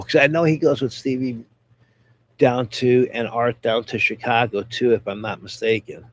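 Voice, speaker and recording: A man from Pennsylvania, a DJ hosting a casual livestream chat about gear, rambling and repeating words, stuffy from a head cold. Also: medium pitch. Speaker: DJ and channel host; talking gear with viewers.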